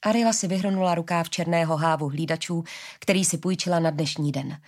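A woman reads a fantasy tale aloud in a calm, steady manner. Her voice sits slightly low for a woman. The narration flows evenly from line to line. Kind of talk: audiobook narration of a fantasy story.

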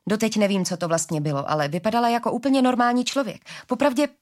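A woman's voice: a little high, darkish tone, pitched above the performer's own voice, close to an everyday voice. Woman doing a tense, wary young heroine. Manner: clipped, through gritted teeth.

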